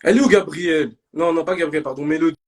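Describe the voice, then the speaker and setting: A young man hosting a live stream in casual banter, slangy and bursting into shouts. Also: fairly high pitch, rapid-fire.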